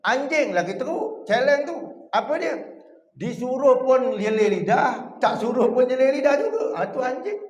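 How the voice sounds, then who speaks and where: A man with a Malaysian Malay accent giving a jokey, animated evening lecture in a mosque, often addressing the congregation directly. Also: extremely high pitch, highs cut off. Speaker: preacher. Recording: echoey mosque hall.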